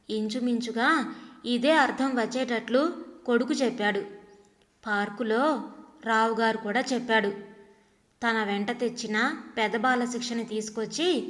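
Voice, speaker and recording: Woman storyteller with a high, reverberant voice. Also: fairly bright tone. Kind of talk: scripted audio story narration.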